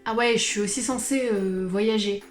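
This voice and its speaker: A woman in her late twenties chats to camera in a loose, colloquial way, poking fun at herself between sighs and little laughs. Her voice sits at a middle pitch and carries a roomy echo, with soft music playing underneath. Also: moderate pace. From born in Switzerland, Portuguese family. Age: late 20s. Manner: colloquial, self-mocking, rambling with sighs and laughs. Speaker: vlogger, channel host. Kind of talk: casual confessional chat to camera.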